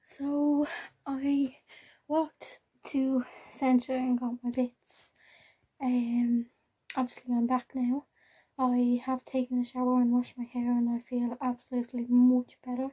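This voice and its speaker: A young woman with an Irish accent chats casually to her vlog viewers in a rambling, halting way, often repeating herself. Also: sits high, monotone, dark tone, breathy edge, poor audio. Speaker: vlogger. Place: at home, in a room.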